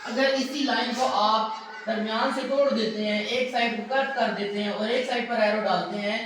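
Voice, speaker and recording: A man's voice: high-pitched, steady tone, normal speed, a bit bright. Patient male teacher in echoey classroom. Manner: patient, asks class to repeat answers. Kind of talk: classroom math lesson. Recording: echoey classroom from far off, faint noise.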